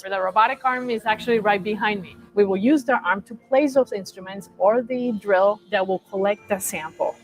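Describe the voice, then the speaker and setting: Colombian woman engineer, Spanish-accented English, earnest documentary interview, middle pitch. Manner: earnest, explaining with enthusiasm. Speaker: robotics engineer.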